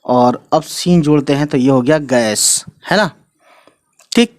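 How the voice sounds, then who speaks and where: A man's voice: a little high, a little slow, no echo, clean studio sound. A man patiently teaching Urdu letters step by step in an explanatory lesson, often checking in with the listener.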